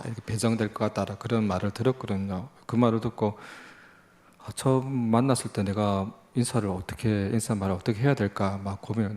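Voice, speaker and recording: A man's voice: lowish voice, darkish tone. A man in his forties with a Busan accent, a lay missionary preaching in church, telling his story in a folksy, self-deprecating way with many fillers and restarts. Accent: Gyeongsang (Busan). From Busan, South Korea. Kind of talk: sermon, conversational testimony. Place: church sanctuary.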